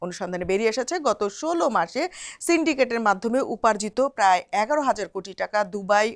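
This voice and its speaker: A woman's voice: mid-range voice, fast talker. Woman reading formal news. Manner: steady formal newsreader delivery. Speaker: news presenter.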